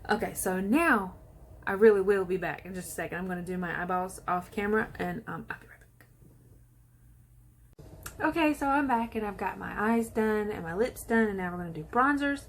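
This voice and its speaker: Excited chatty woman. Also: mid-range voice, normal speed, slight background noise. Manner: excited, chatty, talks straight to viewers. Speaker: beauty vlogger. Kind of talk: casual makeup tutorial chat.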